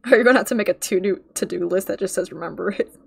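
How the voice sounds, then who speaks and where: A young woman hosting a casual reaction chat, swearing freely, laughing often and talking in quick bursts. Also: medium pitch, gravelly, slightly rough. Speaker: reaction video host. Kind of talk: casual commentary chat while watching a show.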